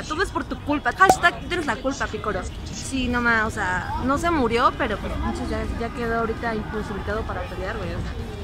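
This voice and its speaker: A young woman with a Mexican Spanish accent reacts to an anime episode on a busy street, chattering in profane slang and shrieking strings of "no" at tense moments. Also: high-pitched. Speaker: reaction vlogger. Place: busy outdoor street fair. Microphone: earphone headset mic. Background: crowd noise and loud music.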